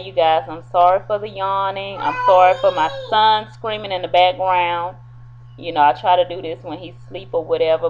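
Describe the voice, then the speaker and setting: A woman's voice: lowish voice, lo-fi sound, slight background noise. A sleepy woman at home casually recapping a soap opera episode, retelling scenes with quoted dialogue and lots of fillers. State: sleepy, yawning.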